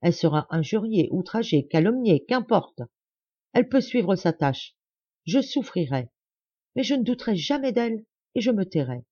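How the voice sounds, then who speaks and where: A woman voicing a resolute young man who speaks firmly and gravely. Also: medium pitch, sing-song, normal speed, dark tone, dry recording, lo-fi sound, voice pushed up. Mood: cold resolve. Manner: firm and grave.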